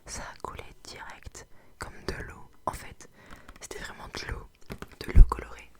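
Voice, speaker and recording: A woman whispering softly in a casual, candid ASMR product review, chatting as she presents unboxed beauty items. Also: measured pace. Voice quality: soft unvoiced whisper. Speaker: beauty box unboxing host.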